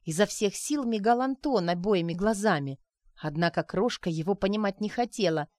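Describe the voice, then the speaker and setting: A woman narrating an audiobook in an even storytelling manner. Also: mid-range voice, moderate pace, dry recording.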